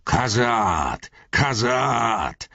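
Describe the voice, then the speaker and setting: A man's voice: low voice, sing-song, moderate pace, a bit bright, husky, no echo, lo-fi sound, exaggerated voice. A man voicing a fierce, boastful male dwarf warrior who bellows war cries, in an audiobook reading. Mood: fierce shouting.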